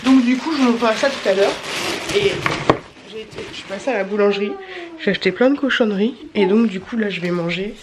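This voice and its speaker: A woman's voice: mid-range voice, fairly quick, heavy background noise. A tired woman vlogger with a stuffy, nasal voice, chatting casually through a shopping haul with many fillers and repeated words.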